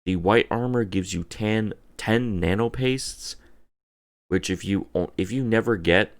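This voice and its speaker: A man's voice: on the low side, a little slow. A drunk man giving a casual, profane video game review, emphatic and theatrical, drawing out words and repeating phrases.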